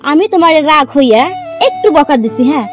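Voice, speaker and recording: A young woman plays an impatient girlfriend who keeps scolding. Her voice sits very high and the lines come quick. Soft music runs underneath. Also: animated. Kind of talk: village drama acting.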